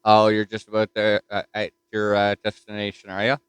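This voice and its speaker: Talking into the desk mic at home, a Newfoundland man shoots the breeze on a ham radio repeater in a folksy way, packed with filler words. His voice is on the low side, completely flat, and brisk, with slight noise in the background.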